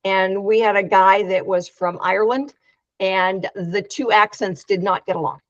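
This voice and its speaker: A woman's voice: mid-range voice, steady tone, a little slow, dry recording. Chatty, frank woman on a video call. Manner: chatty, frank, many fillers and restarts. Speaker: meetup organizer. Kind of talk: casual video-call chat. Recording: dry, dull video-call audio.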